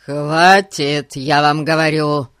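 A man voicing a large, threatening policeman who barks orders loudly. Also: on the high side, flat delivery, slow, clean tone, dry recording, studio quality. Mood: demanding. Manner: loud, commanding.

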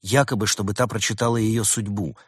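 Low husky male audiobook narrator. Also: steady tone, a little fast, dry recording, clean studio sound.

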